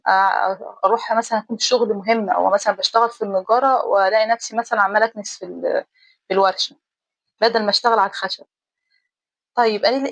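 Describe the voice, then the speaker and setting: A woman's voice: medium pitch, dry recording. A woman with an Egyptian accent, giving a blunt, emphatic opinion monologue full of rhetorical questions. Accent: Egyptian Arabic. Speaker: vlogger.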